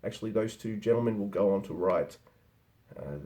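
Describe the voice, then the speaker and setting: A man's voice: lowish voice, fairly quick, warm tone. A man giving a casual spoken film review, rambling and conversational, with frequent restarts.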